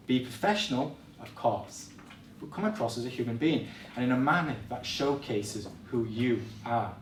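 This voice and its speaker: A man's voice: medium pitch, far from the mic, slight background noise. Young male speaker, motivational classroom talk, direct and encouraging, mic set back in an echoey room. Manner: encouraging, direct, addresses audience as guys. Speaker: speaker giving a workshop talk. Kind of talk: motivational presentation to students. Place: college classroom or hall.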